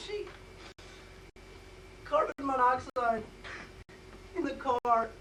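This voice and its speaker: A woman's voice: high voice, slow pace, recorded from a distance, noisy background. A woman acting a grieving, guilt-ridden teenage boy in a school stage play, distraught and stammering. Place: school stage, recorded from the hall.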